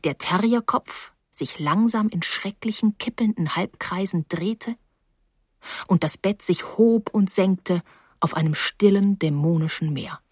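A woman reading a first-person novel aloud in a steady, expressive storytelling manner. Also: lowish voice, a little slow, husky, no room sound, clean studio sound. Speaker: audiobook narrator.

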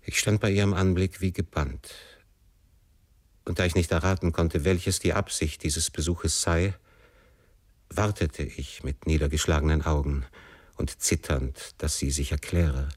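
Man, audiobook narrator, deep low voice, dry close sound, measured and emotive first-person storytelling. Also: fairly even intonation, a little mellow, no echo. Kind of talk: scripted narration of a classic novel.

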